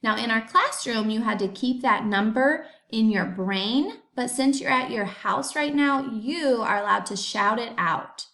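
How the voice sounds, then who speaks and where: A woman teaching a kindergarten class remotely, reading sentences slowly and sounding out words for young children. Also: fairly high pitch, expressive, gravelly, a bit bright.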